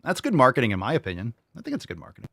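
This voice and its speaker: A man's voice: mid-range voice, huge pitch swings, very fast, fairly bright tone, dry recording, clean studio sound. A man hosting a casual live commentary show, talking bluntly and profanely in a mocking way. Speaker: show host.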